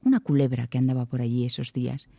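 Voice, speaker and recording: A woman storyteller telling a folk tale to children in an expressive, rhythmic way. She speaks to her listeners directly. The recording is close and dry. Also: extremely low pitch, fast, gravelly, no echo.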